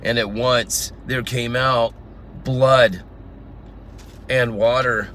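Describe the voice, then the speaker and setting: Man in his own voice, unhurried Bible teacher working through verses outdoors, bright tone, faint traffic behind. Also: mid-range voice, steady tone. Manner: reads scripture aloud and explains it verse by verse. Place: outdoors in a garden.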